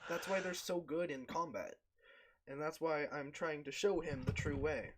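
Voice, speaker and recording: Casual male player, slightly higher voice, rambling tabletop chat with in-character asides. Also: moderate pace, heavy background noise.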